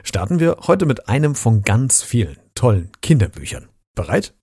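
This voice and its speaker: A man's voice: medium pitch, sing-song, normal speed, mellow, slightly rough, no echo, studio quality. A man hosting a podcast, reading a children's book aloud in a friendly way and speaking directly to children. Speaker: podcast host.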